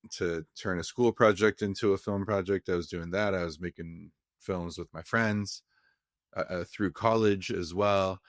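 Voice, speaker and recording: A man's voice: sits low, no echo, clean studio sound. A young man from California, a film director, talking casually in an interview and rambling with many restarts. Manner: rambling, frequent restarts and fillers.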